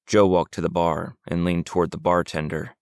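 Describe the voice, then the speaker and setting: A man narrating a supernatural mystery audiobook in a calm, even storytelling manner. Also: sits low, moderate pace, clear, resonant tone, dry recording, clean studio sound. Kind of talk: scripted narration.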